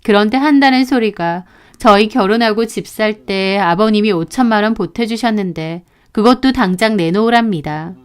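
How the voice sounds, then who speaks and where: Clear-voiced indignant woman narrator. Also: mid-range voice, normal speed. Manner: indignant, aggrieved. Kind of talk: storytelling narration.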